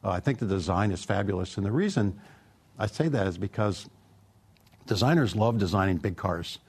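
A middle-aged man, a car company product executive, answering interview questions in a relaxed, storytelling way with plenty of fillers. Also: on the low side, normal speed, husky.

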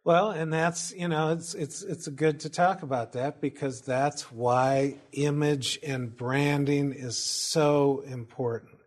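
A man co-hosting a casual studio talk show, offering thoughtful, measured commentary. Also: on the high side, steady tone. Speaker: co-host.

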